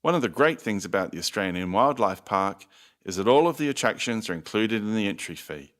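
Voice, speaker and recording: A man playing the announcer on a recorded phone message, giving scripted visitor information in a measured, formal, promotional way. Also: lowish voice, animated, a bit bright. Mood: courteous, informative.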